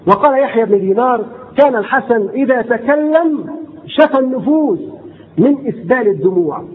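High-voiced Egyptian preacher over a tinny line. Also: male voice. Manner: explains classical quotes in colloquial asides, repeating them. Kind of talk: sermon. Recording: tinny phone-like recording, faint noise.

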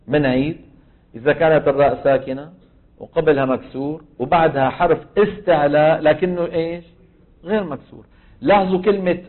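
A man teaching a recitation class, firing questions at his students and answering them himself. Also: fairly high pitch. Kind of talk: classroom lesson. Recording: tinny phone-like line.

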